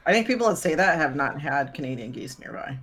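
A woman's voice: deep voice, animated, fast talker, a bit bright. A middle-aged woman co-hosting a podcast, chatting in a wry, casual way and laughing easily. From Florida. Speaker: podcast co-host, psychotherapist. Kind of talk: casual chat.

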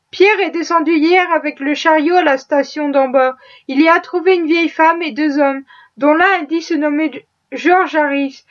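Steady quaker farmer dad, lady reading him, plain calm, high voice, dull lo-fi audio. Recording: muffled lo-fi audio.

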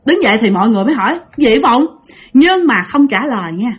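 Husky woman telling ghost stories. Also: on the high side, very animated, rapid-fire. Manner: chatty, emphatic, addresses listeners directly. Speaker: storyteller. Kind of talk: ghost story narration to an audience.

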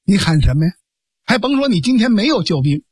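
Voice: medium pitch, very animated, a little fast, slightly rough, no room sound. A storyteller voicing a feisty teenage girl skilled in fighting, scolding her younger brother. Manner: sharp, scolding. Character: feisty young woman martial artist, scolding.

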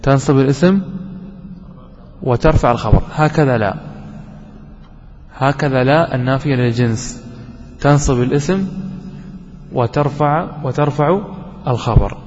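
A man's voice: medium pitch, a little slow, pauses often, a little mellow. A man, a sheikh, explaining a grammar lesson, asking questions and answering them himself and repeating key words. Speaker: sheikh teaching Arabic grammar. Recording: dull lo-fi recording with long hall reverb.

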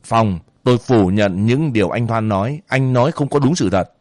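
Rich: A proud young soldier speaking earnestly in his own defense, played by a man reading a story aloud. His voice sits at a middle pitch, and the recording is dry and close. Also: moderate pace, a little mellow, dry recording, close to an everyday voice. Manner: earnest, solemn self-defense.

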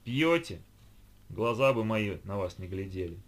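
A man doing a gruff, curt captain. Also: fairly low pitch, animated, a little slow. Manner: curt, grumbling. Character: gruff middle-aged ship captain, curt.

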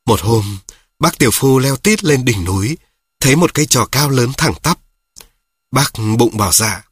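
A man reads children's stories aloud at a steady, measured pace. His voice is husky and sits in a middle pitch. The recording is dry and close, with no room sound. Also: no echo. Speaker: storyteller. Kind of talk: scripted storytelling narration for children.

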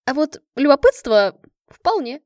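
A woman reading a first-person fantasy audiobook in a lively, expressive way, recorded on a close studio mic. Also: high voice, a little slow, no echo. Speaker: audiobook narrator.

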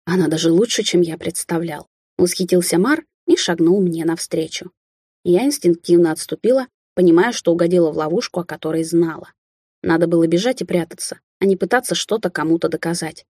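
A woman reads a first-person fantasy audiobook in a low, husky voice. Her tone is dark and mellow. The recording is dry and close to the mic. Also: a little fast, no room sound. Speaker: audiobook narrator.

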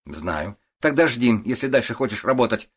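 A man's voice: medium pitch, animated, normal speed, breathy edge, pitched above the performer's own voice. A man voicing a blunt, stubborn woman police officer who speaks in a curt, sardonic way, in an audiobook.

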